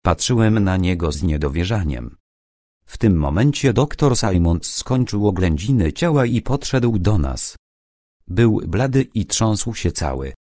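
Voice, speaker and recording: A man reading a mystery audiobook in a measured, expressive storytelling manner. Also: low-pitched, no room sound, studio quality. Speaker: audiobook narrator. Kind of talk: scripted narration.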